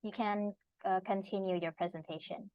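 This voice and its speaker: A woman moderating an online seminar, politely directing speakers and filling pauses with "uh". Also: mid-range voice, fairly even intonation, dry recording. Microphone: video call. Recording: slightly muffled, dry call audio.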